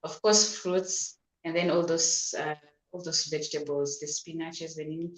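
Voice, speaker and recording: Speaking at normal speed in a low, steady voice, a woman doctor from Kenya patiently answers interview questions with health advice, frequently repeating herself and starting over. There's a roomy echo on the recording.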